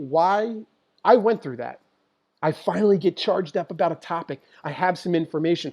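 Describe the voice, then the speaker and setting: Man, dog trainer, live stream talk, emphatic, repeats himself, slightly high pitch, dull lo-fi computer audio. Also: a little mellow. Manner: passionate, emphatic, repeats points. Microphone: computer mic for a live stream.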